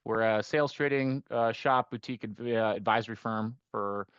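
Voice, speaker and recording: A middle-aged man who grew up in Costa Rica, guesting on a conversational podcast as an investment firm's managing partner, discusses his investment work, restarting frequently and using rhetorical "right?" tags. His voice is fairly low, steady, clear and resonant, a bit bright, at a moderate pace. The audio has no echo yet sounds muffled.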